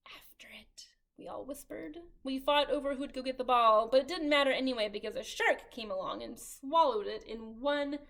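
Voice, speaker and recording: Children's storytime reader, woman, high and bright, cheerful and animated. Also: brisk, hardly any pauses. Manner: cheerful, animated read-aloud to kids. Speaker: children's librarian. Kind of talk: children's storytime reading and singing.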